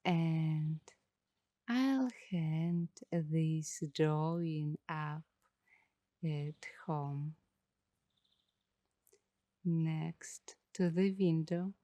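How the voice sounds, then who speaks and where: A woman speaking in a soft, hushed, partly whispered voice as an ASMR host, giving meditative narration in short phrases with long pauses. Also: low-pitched, dry recording, lo-fi sound.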